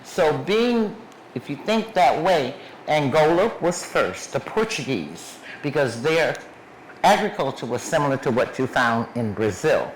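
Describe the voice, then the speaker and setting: This woman, low-pitched and a little slow but lively in intonation, guest-lectures at a museum with emphatic delivery, ticking off places one by one. The public talk takes questions, and her clip mic sits under a shawl, picking up room echo and slight background noise.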